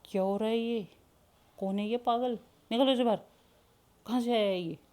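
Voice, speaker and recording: A woman voicing a strict, angry housekeeper who scolds indignantly in a raised, loud voice in a spoken storybook. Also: a little high, moderate pace, voice pushed up, lightly acted. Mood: outraged.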